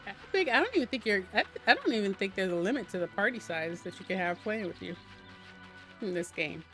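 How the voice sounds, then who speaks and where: A woman's voice: mid-range voice, lively intonation, fairly quick, fairly bright tone, soft background music, poor audio. A woman streamer chatting casually and giggling while playing a game. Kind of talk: casual gameplay commentary.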